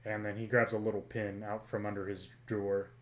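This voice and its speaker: A man narrating a tabletop game as game master, halting with many ums and uhs. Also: fairly low pitch, flat delivery.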